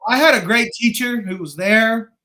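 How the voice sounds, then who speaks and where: High, bright-voiced middle-aged man. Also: normal speed. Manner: rambling, animated storyteller. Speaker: guest martial arts instructor. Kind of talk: casual conversation.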